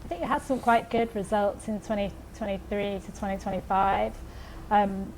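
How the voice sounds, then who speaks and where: A woman's voice: medium pitch, a little mellow, slight background noise, low-quality recording. A woman hosting a podcast interview, asking friendly questions with small hesitations. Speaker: podcast host. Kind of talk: casual interview.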